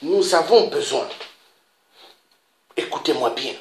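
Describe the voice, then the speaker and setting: A man from Africa making an impassioned, repetitive public appeal, pleading with his listeners and pausing on interjections. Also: on the high side, lively intonation, gravelly. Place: Paris. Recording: echoey room with faint noise.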